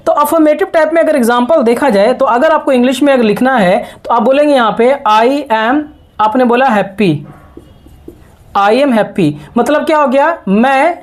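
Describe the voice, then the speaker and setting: High-voiced woman teaching grammar. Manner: slow, repetitive, checks understanding often. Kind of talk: classroom lesson explaining grammar.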